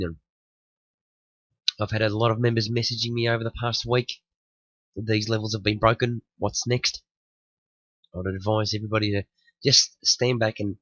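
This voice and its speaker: A man runs a day trading room, talking through the market while still getting over the flu and a bit sniffly. He's repetitive and cautionary, restarting phrases often and issuing warnings. His voice is lowish with a fairly bright tone, recorded without echo and with the highs cut off.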